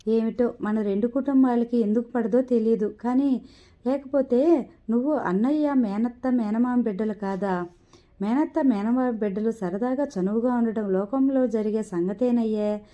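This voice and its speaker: A woman's voice: fairly high pitch, normal speed, dark tone, lightly acted. A woman voicing an earnest young woman who talks in a pleading way. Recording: dull lo-fi recording.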